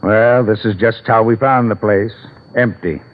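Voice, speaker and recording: An actor playing a brisk, commanding police lieutenant in a 1940s radio mystery, heard over a tinny old broadcast. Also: male voice, lowish voice, lightly acted. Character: gruff middle-aged male police lieutenant.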